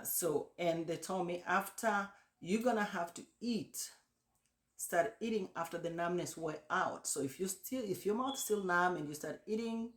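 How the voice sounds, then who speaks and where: A person speaking casually in a first-person vlog, explaining practical tips to the viewer in a repetitive way. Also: medium pitch. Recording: roomy, echoey sound.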